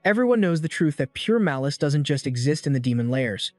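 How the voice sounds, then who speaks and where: A man's voice: on the high side, very animated, brisk, a little mellow, dry recording, faint music behind. A man voicing a determined, defiant young male student in a recap story. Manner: resolute, defiant.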